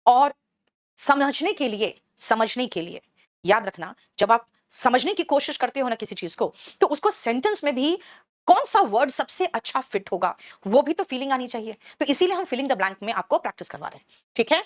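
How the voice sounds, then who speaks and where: A woman from Bihar teaching English words in a live online class, briskly and in a motherly way, switching to English terms and answering students' questions as she goes. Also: high voice, very animated, no room sound, clean studio sound. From Bihar, India. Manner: explains English words in Hindi, switching between the two.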